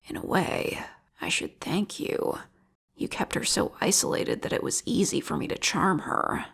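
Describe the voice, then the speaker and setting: Speaking slowly and tauntingly, a woman takes the role of an obsessive, lovesick vigilante killer in a close-up audio roleplay. Her gravelly whisper is lowish and expressive, heavily acted, with a bitter, vengeful mood.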